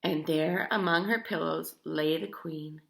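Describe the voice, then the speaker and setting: In a low, creaky, unhurried voice, a woman reads a children's story aloud. She performs it theatrically and with emphasis, pausing for chatty asides to the listener.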